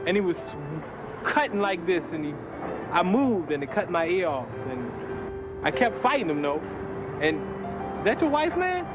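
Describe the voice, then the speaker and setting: An actor playing a wounded tough-guy male cop who brags in an excitable, rambling way, from a film soundtrack with music. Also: high-pitched, normal speed, pauses often, highs cut off. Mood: excited.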